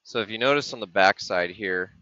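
Briskly and in a sharp, low voice, a middle-aged man casually explains his project in a screen-share, going over a chip datasheet and circuit board. He thinks aloud with frequent ums and restarts, and the webcam recording is dull, dry and lo-fi.

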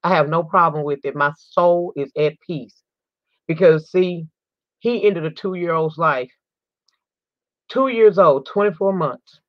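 A woman's voice: lowish voice, measured pace, pauses often, dry recording. A woman hosting a crime news channel, reading an article aloud and adding emphatic, indignant commentary, sometimes stumbling and restarting as she reads. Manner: emphatic and indignant, repeats words for stress. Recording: dry, dull lo-fi recording.

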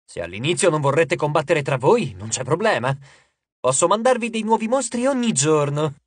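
Guy doing a grotesque taunting sea god in an audiobook, loud and mocking. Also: very animated, moderate pace, slightly rough, dry recording. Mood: gloating. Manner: taunting, theatrical, booming.

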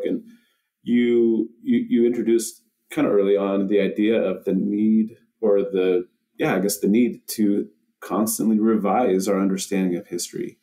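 A man's voice: lowish voice, warm tone, distant mic. A man hosting a podcast interview, asking long, hesitant questions full of fillers. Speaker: podcast host.

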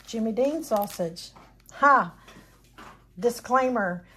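A woman in her fifties casually chats through a grocery haul for her home vlog in her kitchen, rambling a bit with ums and self-corrections. Her voice is high with a darkish tone, and there's slight background noise.

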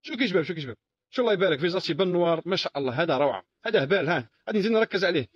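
A man with an Algerian Arabic accent working as a shop salesman, pitching products in a repetitive, insistent patter full of exclamations. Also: lively intonation, racing, husky, no echo. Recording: dull lo-fi recording.

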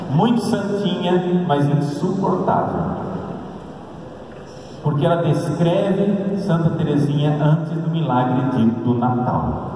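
Brazilian priest preaching in an echoey hall. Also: male voice, a little high, dark tone, recorded from a distance, a little hiss or hum. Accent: Brazilian Portuguese. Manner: emphatic, rising and falling preaching cadence. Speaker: priest giving a talk. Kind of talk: preached lecture. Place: large hall with a stage and altar. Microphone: handheld mic, filmed from the audience.

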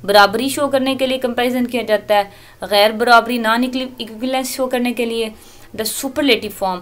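Speaking in a steady, higher-than-average voice, she explains English grammar in Urdu in a recorded lecture. She often stops to fix what she's saying mid-sentence and reads out the English examples at a slow pace.

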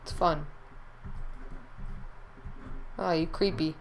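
A woman's voice: low voice, fairly even intonation, moderate pace, a little hiss or hum, poor audio. A woman hosting a casual gameplay video, chatting playfully with a co-player and repeating silly catchphrases. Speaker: gaming channel host.

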